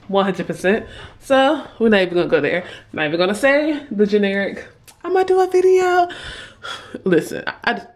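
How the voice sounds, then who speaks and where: A young woman with a medium-pitched voice films a casual haul vlog in a small room at home, holding her phone camera at arm's length. She rambles chattily to viewers while battling a sore throat and coughing.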